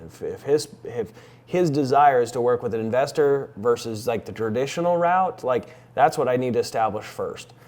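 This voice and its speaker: A man's voice: mid-range voice, a little mellow. A man talking casually to viewers in a day-in-the-life vlog, like an informal coach explaining his plans. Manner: informal vlogger addressing viewers. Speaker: vlogger and real estate investing coach.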